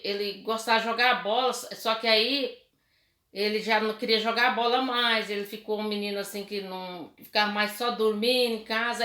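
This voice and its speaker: A woman's voice: fairly high pitch, pushed and bright, reverberant. A middle-aged woman giving a personal church testimony, telling it with feeling, many restarts and tag questions.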